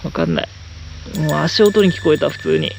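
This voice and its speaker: Gravelly man muttering nervously outdoors at night. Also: on the high side, brisk, a little mellow. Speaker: vlogger exploring a haunted mountain at night. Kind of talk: ghost-hunting vlog commentary. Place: outdoors on a mountain at night, in rain. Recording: noisy outdoor night recording.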